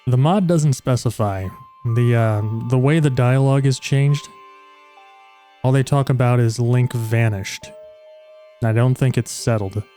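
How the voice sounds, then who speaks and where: Guy streaming a game, jokey and crude, mellow dark voice, soft music behind. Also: medium pitch, unhurried. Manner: joking, crude, chatty asides. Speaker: gaming streamer. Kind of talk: casual game commentary.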